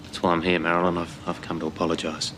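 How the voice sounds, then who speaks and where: An actor playing a blunt, proud older Australian man in a television soap, speaking plainly and haltingly. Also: low-pitched, completely flat delivery, background noise, close to an everyday voice. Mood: apologetic. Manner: halting, gruff, plain-spoken. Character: blunt, stubborn, proud but good-hearted older bloke. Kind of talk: television soap drama acting. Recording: TV soundtrack with music underneath.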